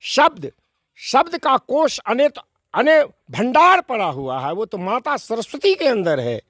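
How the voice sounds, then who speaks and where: A man's voice: very high-pitched, sing-song, slow pace, a bit bright, no room sound, studio quality. A man, answering interview questions in an emphatic, preacherly way with rhetorical questions and quoted verses. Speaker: interviewee, scripture expounder.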